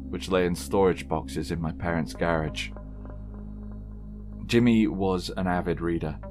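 A man reading a scripted horror story aloud in a measured, solemn way. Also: low voice. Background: faint background music.

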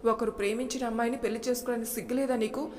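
A woman voicing a bold, sharp-tongued young wife who scolds and mocks, in a storybook reading. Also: on the high side, fairly even intonation, rapid-fire, in a large hall, close to an everyday voice. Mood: mocking.

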